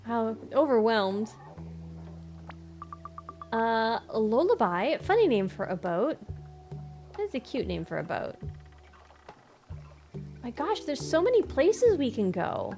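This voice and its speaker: A woman's voice: a little high, sing-song, slow, pauses often, darkish tone, faint music behind. A woman streaming a game live, chatting in a giggly, apologetic way.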